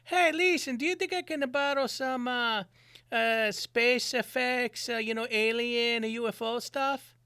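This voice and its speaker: A man putting on a high, bright, excitable character who rants in broken English. The voice is smooth and crisp, recorded close and dry. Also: measured pace, dry recording, full character voice. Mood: eager. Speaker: host. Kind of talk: comedy sketch.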